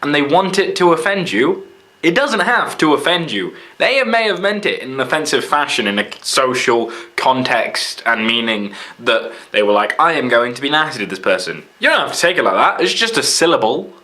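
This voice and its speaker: A man's voice: a little high, very animated, moderate pace, sharp tone. A young British man talking in an unscripted vlog, blunt and sarcastic, swearing freely and jumping into mocking voices for quotes. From Britain. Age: young adult. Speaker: vlogger. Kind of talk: unscripted casual vlog monologue.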